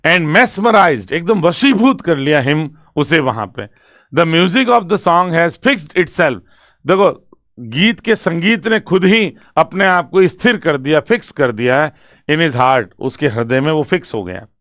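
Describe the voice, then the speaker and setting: Hindi-speaking man teaching poetry, clear voice. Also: fairly high pitch, lively intonation, a bit bright, no room sound, clean studio sound. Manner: reads English lines slowly and emphatically, then explains in Hindi; asks students check questions, writes on a board. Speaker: English literature teacher. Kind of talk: exam-prep poetry lecture mixing Hindi and English.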